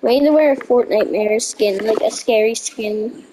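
Young woman, stuffy cold-nosed voice, excitable gameplay chatter, slightly high, faint hiss. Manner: excitable, reads on-screen text aloud haltingly. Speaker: gaming youtuber. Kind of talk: casual gameplay commentary.

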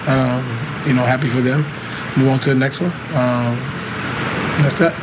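A man in his thirties, a basketball player giving short, low-key answers at a postgame press conference into a table mic. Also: fairly even intonation, normal speed, background noise. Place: press conference room in front of a sponsor backdrop. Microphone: table microphone in front of him.

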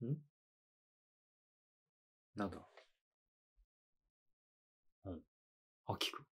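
In a small indoor studio, an anime reaction channel host in his thirties drawls out his words, musing aloud with short reactions and laughs. His voice is on the low side, expressive and sharp-toned with a breathy edge. It's casual reaction commentary.

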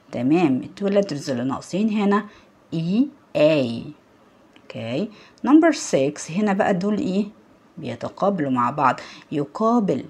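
A woman with an Egyptian Arabic accent leads a recorded English lesson for small children. Her voice is low and a little breathy. She swings her pitch widely as she quizzes the class and cheers their answers. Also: a little mellow. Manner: asks the children questions and praises them. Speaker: primary school English teacher. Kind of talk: recorded lesson for young pupils.

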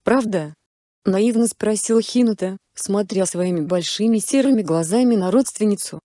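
A woman reading a fan-fiction story aloud, with steady, even storytelling. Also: mid-range voice, moderate pace, dry recording, clean studio sound.

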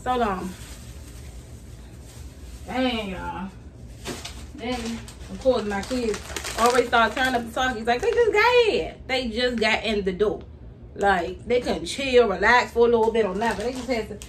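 A woman's voice: fairly high pitch, expressive, measured pace, long pauses. Chatty woman vlogging from her kitchen. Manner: chatty, addresses viewers as y'all. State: hot and sweaty. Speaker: vlogger and mother. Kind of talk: casual grocery haul vlog. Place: home kitchen, indoors. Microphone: camera on the counter, at a distance. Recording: distant camera mic, noisy room.

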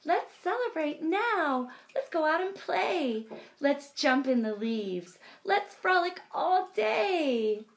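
A woman's voice: high voice, big pitch swings, slow pace, gravelly, pitched above the performer's own voice, full character voice. A woman voicing a male bear in a picture book, who is sick and weak and then bounces back cheerful. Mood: joyful.

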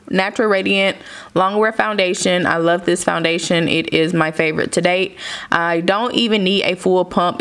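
A young woman casually narrating her makeup routine step by step, chatty and relaxed. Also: on the low side. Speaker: beauty vlogger. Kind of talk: makeup tutorial voice-over.

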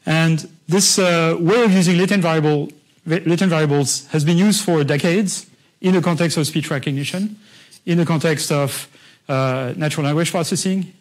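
A man's voice: on the high side, poor audio. A man lecturing a university class, explaining patiently in a conversational way and often checking in with his listeners. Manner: conversational, with frequent restarts.

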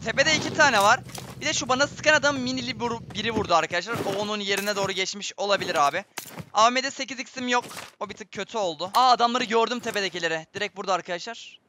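A young man giving excitable, chatty live commentary on a shooter game to his viewers. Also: high voice, noisy background. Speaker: gaming streamer. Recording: game gunfire behind voice.

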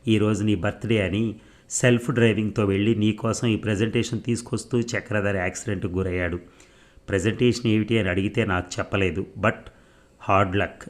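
A man's voice: fairly low pitch, steady tone, brisk, natural voice. A man reading as a detached film-star woman. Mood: offhand. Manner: philosophical, coolly detached. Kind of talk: audiobook novel reading.

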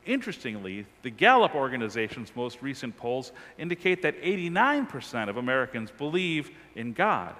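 A man in his forties preaching a sermon from a lectern in a large church sanctuary, with emphatic swings from loud to hushed. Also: big pitch swings, normal speed, hardly any pauses. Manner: emphatic preaching with wide swings of pitch and volume, gesturing. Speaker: pastor. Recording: long church reverb.

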